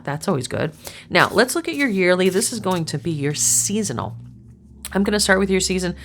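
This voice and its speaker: A woman giving a casual, chatty tarot reading, reassuring and repeating herself often. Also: fairly low pitch. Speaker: tarot reader.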